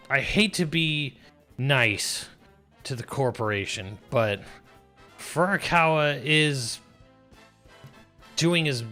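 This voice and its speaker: Sardonic, rambling man with a bright voice. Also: mid-range voice. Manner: rambling, profane, sardonic, frequent restarts. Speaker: streamer. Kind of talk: casual livestream commentary.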